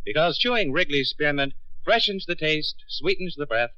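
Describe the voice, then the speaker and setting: A man's voice: fairly high pitch, sing-song, normal speed, sharp tone, clean tone, dry recording. A man reading ads and credits as an old radio announcer, in a polished, upbeat sales delivery. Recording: dull vintage radio broadcast, music behind.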